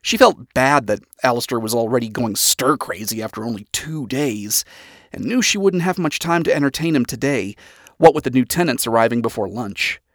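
A reader narrating a chapter of a story aloud with expressive storytelling. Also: medium pitch, moderate pace, dry recording, clean studio sound. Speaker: audiobook reader.

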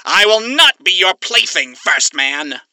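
A man voicing a proud, hateful male radio demon who speaks slowly and haughtily. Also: high-pitched, lively intonation, pushed and bright, dry recording, voice pushed up, full character voice. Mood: defiant. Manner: slow, haughty, defiant.

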